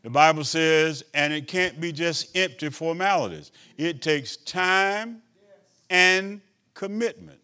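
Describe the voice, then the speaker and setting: A man preaching a sermon as a bishop, his voice sitting fairly high for a man. He checks in with the congregation, rises for emphasis, then drops into quiet asides. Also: slow. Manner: preaching with call-and-response asides; swings between loud emphasis and quiet asides.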